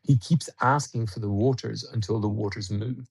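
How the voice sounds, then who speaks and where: A man, a regular guest commentator on a radio show, talking through his analysis in a measured, explanatory way with frequent restarts. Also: lowish voice, fairly even intonation, creaky, a little mellow, slightly rough.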